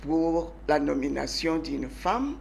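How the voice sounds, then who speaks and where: An older woman from Congo, a guest telling her story in a TV interview, emphatic at times and dropping to soft murmurs at others. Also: low voice, animated, slow pace, vocal fry, slight background noise.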